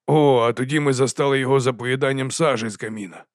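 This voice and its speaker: A man voicing a gloomy, curt middle-aged watch captain in an audiobook, speaking slowly. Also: medium pitch, fairly even intonation, no echo, clean studio sound, close to an everyday voice. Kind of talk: audiobook character voice.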